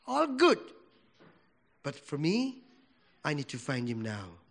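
A Nepali man, speaking English as a second language with a Nepali accent, delivers a church sermon that moves between loud proclamations and quiet prayer. His voice is high-pitched.

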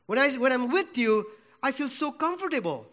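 In church, a man from Nepal preaches in non-native English with a Nepali accent, his very high voice showing big pitch swings at a moderate pace. Loud declarations give way to hushed prayer and back again.

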